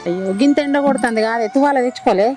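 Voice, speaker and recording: A caring village grandmother played by a woman with a Telangana Telugu accent. She talks quickly and fusses in a motherly way, her voice a little high, with music faintly behind. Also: close to an everyday voice. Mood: fussing. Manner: fussing, motherly.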